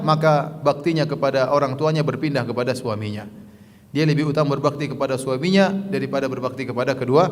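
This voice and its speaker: A man giving a lively sermon, acting out small dialogues and saying "ya" after nearly every phrase. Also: mid-range voice. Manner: lively, acts out little dialogues, says "ya" constantly. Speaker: preacher. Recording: long hall reverb.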